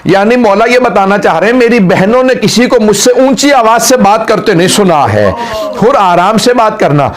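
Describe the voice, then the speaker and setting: A male cleric telling a martyrdom story in an emotional mourning sermon, his delivery climbing into drawn-out wailing cries and closing in chanted prayer. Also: sits high, expressive.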